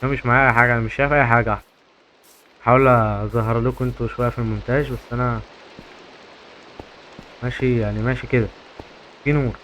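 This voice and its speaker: Fast-talking Egyptian man commenting on gameplay. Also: mid-range voice, fairly even intonation, a bit bright, slight background noise. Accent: Egyptian Arabic. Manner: chatty, talks to viewers, repeats himself. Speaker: gaming YouTuber.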